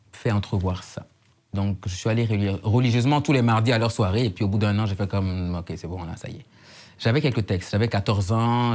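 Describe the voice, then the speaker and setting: A man in his thirties from Côte d'Ivoire speaks in a fairly low voice. He talks reflectively as an interview guest. He circles back to the same words for emphasis, like lines of a poem. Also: darkish tone. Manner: reflective, repeats phrases for emphasis. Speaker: slam poet guest. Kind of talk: casual interview chat.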